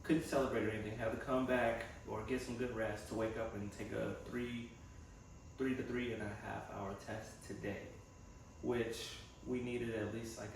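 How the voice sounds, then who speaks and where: With a fairly low pitch and noticeable vocal fry, a young man muses aloud in a casual personal vlog, reflective and wandering. He's a vlogger and a student training as a physical therapy assistant. He's captured from afar in an echoey room, with faint noise present.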